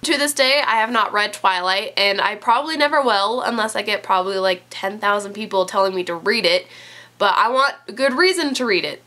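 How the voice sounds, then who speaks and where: A woman in her twenties chats casually as a book reviewer, rambling with fillers. A cold leaves her voice stuffy and nasal, and it sits on the high side with a sharp tone.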